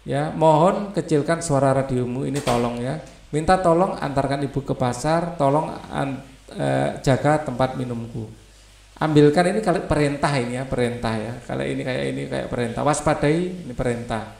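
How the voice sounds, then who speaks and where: A man's voice: medium pitch, normal speed, vocal fry, a little mellow, reverberant, a little hiss or hum. A male teacher, reading textbook passages aloud and explaining them in loose asides.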